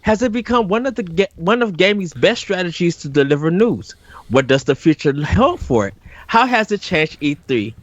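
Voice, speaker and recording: A man's voice: high voice, big pitch swings, moderate pace, no room sound, highs cut off. A man hosting a podcast discussion in a semi-scripted style. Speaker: podcast host.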